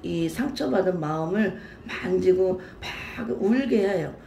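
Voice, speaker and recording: A woman's voice: lowish voice, lively intonation, unhurried, creaky, dark tone, a little hiss or hum. A woman pastor giving an emotional sermon testimony, speaking emphatically and repeating her phrases. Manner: emotional, repetitive, emphatic storytelling. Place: church sanctuary. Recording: roomy church echo, faint ambience.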